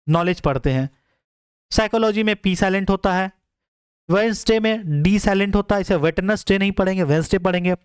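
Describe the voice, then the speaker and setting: High clear voice, male exam tutor. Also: no room sound, studio quality. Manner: explains step by step, spelling words out letter by letter. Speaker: exam English teacher. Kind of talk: classroom lecture.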